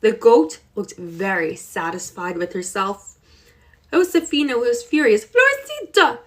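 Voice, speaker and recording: A woman reading a children's chapter book aloud with expressive, unhurried storytelling. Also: mid-range voice. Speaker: reader.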